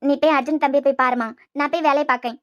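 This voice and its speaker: A woman's voice: high voice, fairly even intonation, fairly quick, highs cut off, voice pushed down, close to an everyday voice. A woman voicing a kind, motherly middle-aged helper in a cartoon, with a Kanyakumari Tamil accent. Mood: comforting. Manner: soothing, motherly.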